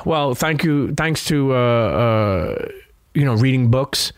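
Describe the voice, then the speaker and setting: A man's voice: medium pitch, animated, slow, no room sound, studio quality. A middle-aged man with a Brooklyn New York accent, telling stories candidly as an interview guest in a streetwise, profane way peppered with "you know.". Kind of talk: candid conversational storytelling.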